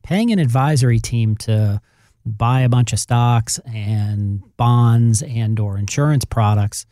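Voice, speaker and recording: Mellow man giving financial advice. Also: medium pitch, slow pace, no room sound, clean studio sound. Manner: explanatory, emphatic, addresses listener directly. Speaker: financial advisor on a radio show. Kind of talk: conversational advice talk.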